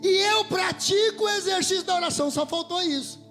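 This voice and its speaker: A man with a Brazilian Portuguese accent preaching a sermon into a microphone in a church, fervent, rising to shouts and dropping to near whispers. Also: very high voice, fairly quick, vocal fry, faint music behind. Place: church hall. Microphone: handheld microphone.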